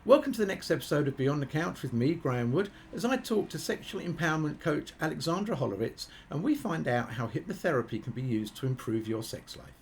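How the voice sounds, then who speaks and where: A male podcast host with a fairly high, gravelly voice and a very lively, swooping pitch. He reads a formal welcome and then puts questions to his guest. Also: brisk, hardly any pauses, noisy background. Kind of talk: scripted intro and interview questions.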